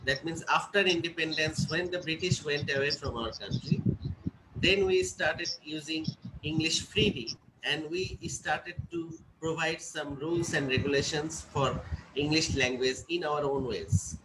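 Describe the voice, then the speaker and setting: Higher-voiced male teacher lecturing a class. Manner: explains slowly, often checks "is it clear?". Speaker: English teacher. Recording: noisy classroom recording.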